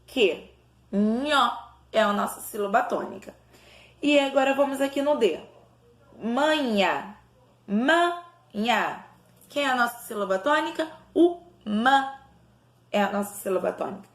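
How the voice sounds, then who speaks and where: A woman teacher, giving a recorded lesson to young pupils and sounding words out slowly, syllable by syllable. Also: fairly high pitch, roomy sound. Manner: slow, syllable-by-syllable enunciation for children. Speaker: primary school teacher.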